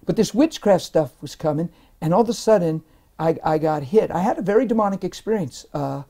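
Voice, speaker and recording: Animated man in his forties, mellow tone. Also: high-pitched, a little fast. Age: 40s. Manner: animated and emphatic, often laughing mid-sentence. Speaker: interview guest, minister. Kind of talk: personal testimony in a sit-down interview. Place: indoor lounge-style set, seated in armchair.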